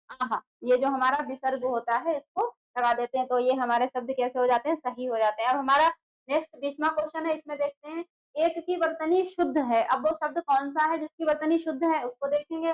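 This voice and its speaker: A woman's voice: high-pitched, dull audio. A woman teaching an exam-prep lesson who keeps asking rhetorical questions and answering them herself.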